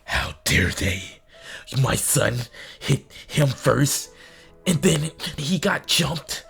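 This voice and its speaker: A melodramatic, indignant mother, as a man mockingly puts her on, drags out every word in a very slow, theatrical delivery. Her voice is deeply gravelly and rough. The whole thing is played as an over-the-top parody. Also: big pitch swings, a bit bright, soft background music, heavily acted. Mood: mock outrage.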